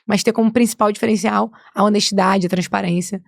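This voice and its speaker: A woman's voice: medium pitch, steady tone, quick pace, creaky, no room sound, studio quality. A woman, chatting as a guest on a podcast, tagging her sentences with "né?". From Rio de Janeiro state, Brazil. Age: 20s. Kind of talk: casual podcast conversation.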